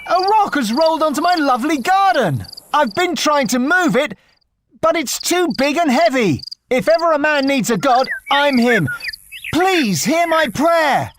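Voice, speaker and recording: A man's voice: very high voice, expressive, unhurried. A man voicing a humble, whiny villager in a video game, with a pleading, melodramatic manner. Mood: pleading, desperate. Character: whining, desperate humble male villager praying for help. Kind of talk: video game character acting. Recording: clear background noise, clicks and chirps.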